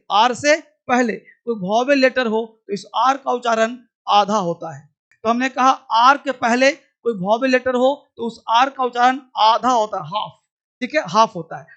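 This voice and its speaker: High-voiced man drilling a pronunciation class. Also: a bit bright. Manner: repetitive, drilling and quizzing students; affectionate, calls students child. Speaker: English teacher. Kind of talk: live online pronunciation class.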